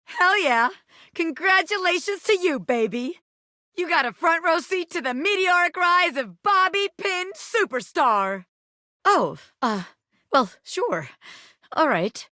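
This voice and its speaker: A woman's voice: extremely high pitch, very animated, slow, pushed and bright, no echo, studio quality, exaggerated voice. A woman voicing a scrappy living hairpin in a video game, a brash wannabe crime boss with streetwise, slangy tough talk. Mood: jubilant. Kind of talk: video game character dialogue.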